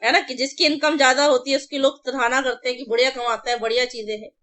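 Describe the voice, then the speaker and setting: A woman's voice: sits high, level tone, fast talker, a bit bright. A woman vocabulary teacher giving an online exam-prep class, chanting word lists over and over and explaining memory tricks in casual Hindi mixed with English. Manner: drills word lists in repeated chanting runs; addresses students familiarly.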